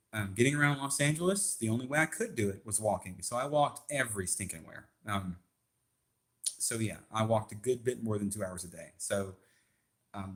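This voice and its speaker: A man speaking as a personal trainer in a rambling, informal explanatory style, halting often and checking in with "okay?". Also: lowish voice. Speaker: personal trainer pitching a weight-loss walking program.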